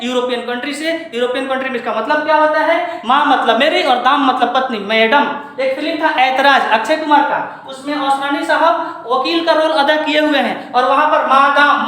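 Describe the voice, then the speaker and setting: A man's voice: very high-pitched, sharp tone. A man from India giving a spoken lesson, lecturing in a rhetorical way and putting questions straight to his listeners. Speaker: teacher. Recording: very echoey room.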